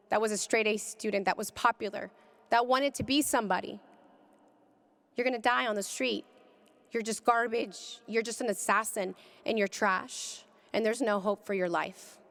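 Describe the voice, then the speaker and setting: A woman giving an impassioned personal testimony, speaking with deep feeling and rising to cries at its peaks. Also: fairly bright tone, big-room sound. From California. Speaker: pro-life speaker. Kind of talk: emotional testimony talk.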